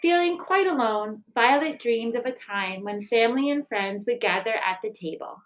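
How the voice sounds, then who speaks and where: A school staff member with a voice on the high side reads a children's picture book aloud in an expressive, deliberate style and presents a recipe book project to families as a school announcement. The recording sounds muffled.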